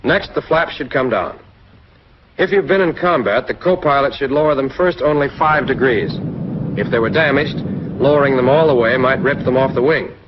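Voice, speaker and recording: Over some background noise, a mid-range American male voice at normal speed narrates a 1940s military training film from a script. His delivery is instructive and aimed directly at the listener, and the film audio is muffled and husky.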